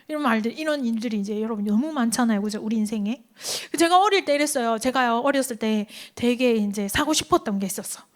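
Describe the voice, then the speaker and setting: A woman preaches to a youth group in a bright, high voice. She tells her stories in a lively way, acts out the voices of the people in them and asks her listeners questions. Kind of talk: sermon to teens.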